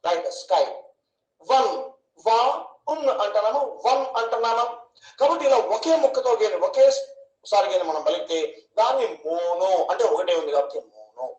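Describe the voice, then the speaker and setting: Male teacher, high voice, patient questioning delivery; roomy, muffled lo-fi recording. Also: expressive, darkish tone. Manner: slow, questioning, drawing out each syllable. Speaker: English grammar teacher. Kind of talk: online classroom lesson. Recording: echoey room, dull lo-fi sound.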